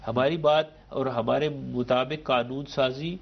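Male scholar guest, steady lecturing delivery, builds his case with examples, somewhat muffled audio. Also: medium pitch, gravelly, husky. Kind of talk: explanatory talk on a studio show.

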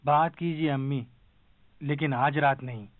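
A man's voice: mid-range voice, fairly even intonation, measured pace, dry recording, lightly acted. Man playing a weary, short-tempered son. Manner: tired, then explosive. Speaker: grown son. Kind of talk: dubbed TV drama acting. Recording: tinny phone-like sound.

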